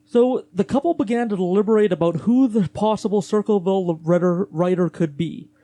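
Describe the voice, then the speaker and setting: A podcast host with a high-pitched, mellow voice narrates a true-crime case at a fairly quick clip. He keeps it casual and conversational, full of fillers and restarts, and his voice tends to turn gravelly later in the day.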